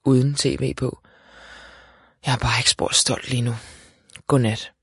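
A man narrating a first-person storybook in a lively, wry way. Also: medium pitch, gravelly, husky, no room sound, studio quality. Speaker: audiobook narrator.

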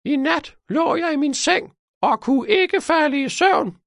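A man voicing a sly old cleaning lady with a shrill, hissing voice in a children's audiobook. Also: dry recording, clean studio sound, full character voice. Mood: sly, fussy. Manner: fussy, excitable storytelling. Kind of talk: storybook character voice.

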